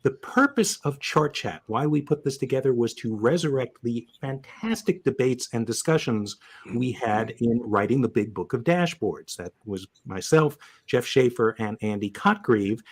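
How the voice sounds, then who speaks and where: An upbeat man hosts a live online chat show. He introduces the show with jokes and a relaxed, conversational delivery. His voice sits at an ordinary middle pitch. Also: normal speed, slightly rough. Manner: upbeat, joking. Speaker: podcast host. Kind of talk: casual webcast hosting.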